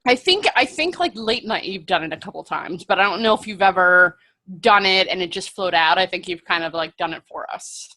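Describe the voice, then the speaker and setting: A woman co-hosting a podcast, trading quick, teasing banter in casual chat. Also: fairly low pitch, expressive, bright, forceful tone. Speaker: podcast co-host.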